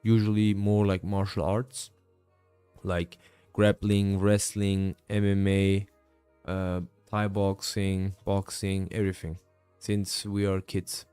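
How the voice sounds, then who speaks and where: Slow and level, his low-pitched voice comes across warm and clean, with faint music in the background. He's a tired day trading streamer in his late twenties, casually narrating his trades after a long session, answering chat, saying "bro" to viewers, and leaning on lots of fillers.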